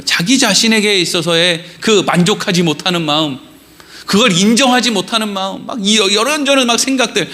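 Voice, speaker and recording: Animated, high-voiced male pastor preaching. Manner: lively, conversational preaching with rhetorical questions and acted-out quotes. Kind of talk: sermon. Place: church sanctuary.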